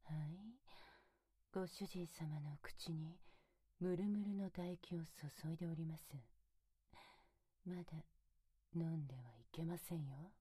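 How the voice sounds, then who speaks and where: A woman voicing a devoted, high-ranking demon butler in a whispered ASMR roleplay, speaking with extremely polite, servile formality into a close binaural mic. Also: fairly even intonation, measured pace, pauses often, dark tone, no room sound. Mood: seductive. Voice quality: breathy whisper. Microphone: close binaural mic, left and right ears.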